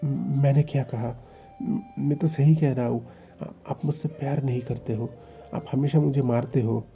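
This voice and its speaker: A man's voice: mid-range voice, steady tone, moderate pace, vocal fry, warm tone, natural voice. A man voicing a hurt young man who accuses his husband in a stammering, faltering voice. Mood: timid.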